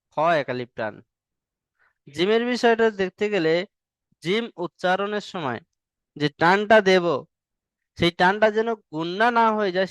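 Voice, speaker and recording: A man's voice: sits high, smooth, no echo. A male teacher, patiently drilling Arabic letters in an online class and stretching the sounds long. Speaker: Quran reading teacher.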